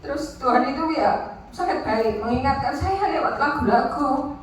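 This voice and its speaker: A woman tells her personal testimony in a frank, conversational way, slipping in phrases. Her voice sits a little high. She is picked up from some distance in a strongly echoing function room, with faint room noise behind her. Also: moderate pace. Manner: candid, mixing in Javanese asides. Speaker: testimony speaker at a women's fellowship meeting. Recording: echoey room, distant mic.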